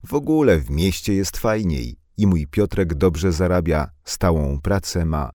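A man's voice: deep voice, animated, measured pace, warm tone, no room sound, clean studio sound. A man voicing a talkative, blunt young village woman with slangy, impulsive speech. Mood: chatty.

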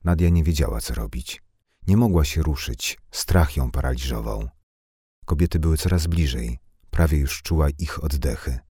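A man reads an audiobook in a calm, measured way. His voice is extremely deep and the recording is dry and close, with no room sound. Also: slightly rough, dry recording. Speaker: audiobook narrator. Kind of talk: scripted narration.

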